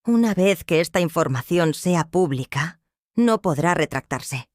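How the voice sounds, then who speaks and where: A woman's voice: on the low side, animated, measured pace, darkish tone, no room sound, studio quality. A woman voicing a cautious older male financial adviser who speaks in a serious, warning tone, as part of a spoken story. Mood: grave.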